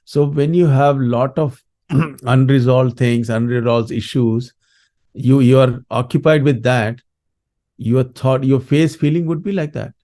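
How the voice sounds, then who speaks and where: A man with an Indian accent speaking as a grief coach in an interview, explaining in a halting, reflective way with frequent small tag words. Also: medium pitch, fairly even intonation, dark tone. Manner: halting, reflective, often adds "you know" and "right".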